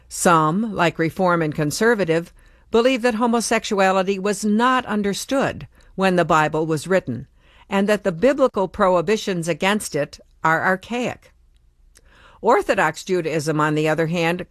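Woman, radio narrator, scripted, measured, slightly low voice, dry studio sound. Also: no echo.

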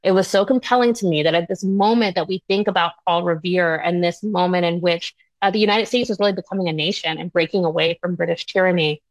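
A woman's voice: lowish voice, no echo, poor audio. A woman historian speaking in an interview, earnest and reflective. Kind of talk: interview remarks.

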